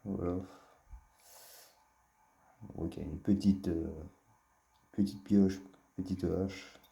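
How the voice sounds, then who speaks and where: A man's voice: deep voice, fairly even intonation, very slow, vocal fry, mellow. A man casually showing his collection in a vlog, talking hesitantly with many fillers and a fond tone. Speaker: collector presenting his finds. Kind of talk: casual show-and-tell vlog. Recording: echoey room.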